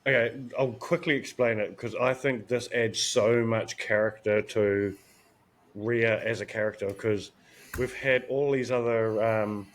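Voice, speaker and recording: A man co-hosting a wrestling podcast, relaxed and conversational as he pitches ideas to his co-host. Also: unhurried. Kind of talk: casual podcast chat.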